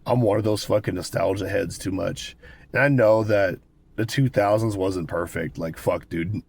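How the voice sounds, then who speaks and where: An American man in his twenties with a cold and a raspy smoker's voice, chatting casually and candidly to viewers with plenty of swearing. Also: deep voice, moderate pace, darkish tone, slight background noise. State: hoarse with a cold, smoker's rasp. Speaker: vlogger. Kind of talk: casual rambling talk to viewers.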